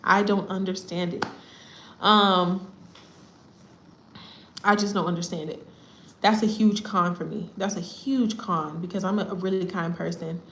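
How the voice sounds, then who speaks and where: Lively woman chatting in an echoey room. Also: on the low side, measured pace, long pauses. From United States. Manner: animated and chatty, often laughing. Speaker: vlogger. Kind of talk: casual storytelling chat. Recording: roomy echo.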